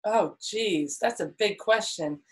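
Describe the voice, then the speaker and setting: A woman's voice: mid-range voice, takes it slowly, husky, low-quality recording. A young woman guest in a casual interview, talking in a reflective, rambling way with many fillers.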